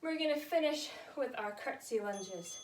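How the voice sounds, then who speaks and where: A woman's voice: high-pitched, animated, moderate pace, a little hiss or hum. A woman pilates instructor guiding a workout, encouraging and counting reps while she exercises along, audibly out of breath. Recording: echoey room, voice from a distance.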